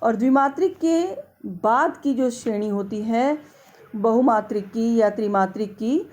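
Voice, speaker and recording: A middle-aged woman giving a slow, explanatory lecture on a classical text, carefully drawing out vowels to demonstrate how they are pronounced. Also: on the high side, darkish tone, dull audio. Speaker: Sanskrit lecturer.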